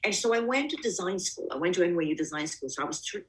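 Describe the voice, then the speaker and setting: A woman's voice: fairly low pitch, expressive, fast, low-quality recording. A woman from Bulgaria, a production designer, speaks as an interview guest in a reflective way, often restarting her sentences. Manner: reflective, talks in restarts and asides. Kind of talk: casual interview conversation.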